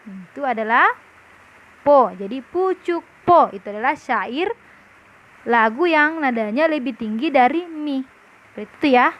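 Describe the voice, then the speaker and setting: A woman's voice: high voice, expressive, moderate pace, pauses often, dull audio. A woman primary school teacher reviewing a lesson for her pupils, explaining step by step and often checking whether they understand. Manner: patient, explaining step by step, often asks "paham?". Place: classroom with a whiteboard.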